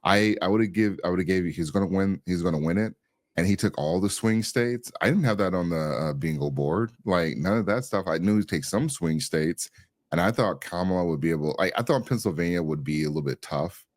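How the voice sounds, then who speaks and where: A man's voice: sits low, a little fast, no echo. A man co-hosting a podcast, talking in a loose, colloquial way with plenty of fillers. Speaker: podcast co-host. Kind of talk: casual political chat.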